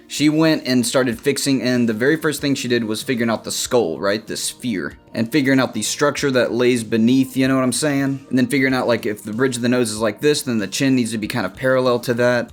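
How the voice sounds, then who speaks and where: A man breaks down artwork in a loose, casual commentary, puffing himself up with playful trash talk. His voice sits in a middle register. Soft music plays quietly behind him. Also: medium pitch. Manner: brash, mock-tough trash talk, playful. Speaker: animation character designer teaching art.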